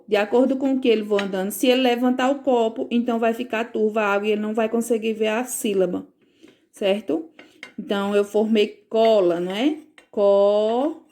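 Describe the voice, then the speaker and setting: A woman's voice: medium pitch, a little mellow. A woman teacher recording a home lesson for parents, patiently explaining and checking in with frequent questions.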